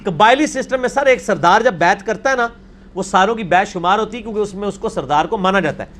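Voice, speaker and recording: Man, high voice, argumentative scholar answering questions in a talk. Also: fairly bright tone. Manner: emphatic, argumentative, quotes others in put-on voices. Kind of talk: seated Q&A discussion.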